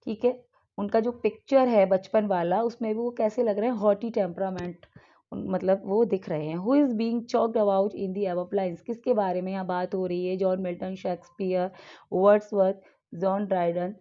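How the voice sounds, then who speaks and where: A young woman teaching English exam practice with an Indian English accent, reading each question slowly and then explaining it in Hindi. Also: medium pitch, fairly even intonation, dull audio.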